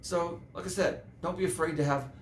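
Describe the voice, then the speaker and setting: A man's voice: on the high side, a little fast. A man giving casual advice as a tabletop game master, rambling and chatty with lots of fillers. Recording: echoey room with faint noise.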